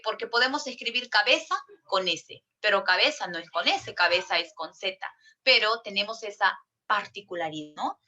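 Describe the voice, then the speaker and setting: A woman's voice: mid-range voice, bright, forceful tone. A woman with a Peruvian accent giving a classroom lecture, asking her students questions and repeating herself often. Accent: Peruvian Spanish. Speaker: teacher.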